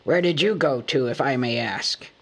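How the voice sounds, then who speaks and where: A man's voice: mid-range voice, normal speed, vocal fry. A man voicing a proud male dwarf leader who asks pointed questions. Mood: probing.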